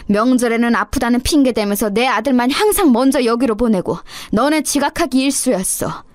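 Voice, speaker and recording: A woman's voice: a little high, dry recording, natural voice. A woman voicing a stern older stepmother-in-law who scolds and accuses her daughter-in-law.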